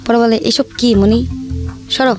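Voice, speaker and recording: Unhurried and fairly even in intonation, her fairly high voice tells a casual, personal story. The young woman, Bangladeshi-accented and colloquial, acts out the dialogue over background music.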